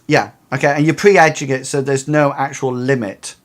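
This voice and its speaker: A man's voice: mid-range voice, steady tone, moderate pace. A man narrating as game master, explaining rules and the action to his players.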